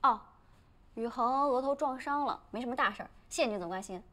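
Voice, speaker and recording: An actress playing a helpful, playful young flight attendant in a television drama, with an eager manner. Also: female voice, on the high side, brisk, a bit bright, close to an everyday voice. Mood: polite. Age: young adult. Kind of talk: naturalistic TV drama acting. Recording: music behind the dialogue.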